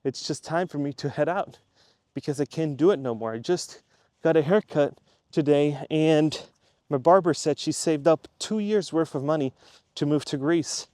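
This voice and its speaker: This man from Switzerland runs a YouTube channel and chats casually to the camera, rambling and repeating himself for emphasis. His voice is a little high and mellow, at a moderate pace, and the recording is clean studio sound without echo.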